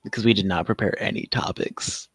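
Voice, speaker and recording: A young man with a low voice chats loosely on a homemade podcast. He jokes, laughs and rambles. The sound is dry and close. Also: fairly even intonation, brisk, vocal fry, a bit bright, husky, dry recording. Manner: joking, laughs often, rambling. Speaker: podcast co-host. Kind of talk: casual podcast chat.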